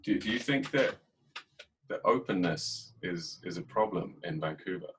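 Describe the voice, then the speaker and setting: An English man hosting a podcast, talking in a casual, reflective way and keeping a dry, even tone even when he jokes. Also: low voice, normal speed, a little hiss or hum, poor audio. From England. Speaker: podcast host. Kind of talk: casual conversation.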